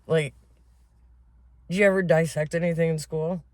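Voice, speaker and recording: A woman's voice: deep voice, moderate pace, no echo. A woman from Michigan co-hosting a casual podcast, telling stories with lots of swearing and laughter. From Flint, Michigan. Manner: profane, laughing, animated storyteller. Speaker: podcast co-host. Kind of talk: casual chat, storytelling.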